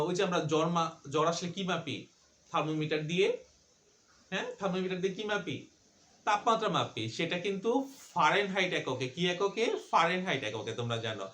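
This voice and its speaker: A man's voice: high voice, a bit bright. A male physics teacher giving a classroom lecture, posing questions to students and answering them himself while repeating the key points. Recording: echoey room.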